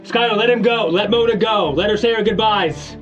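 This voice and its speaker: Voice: mid-range voice, normal speed, muffled recording. A player speaking in character in a tabletop game, dramatic and joking. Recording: distant mic under loud music and crowd.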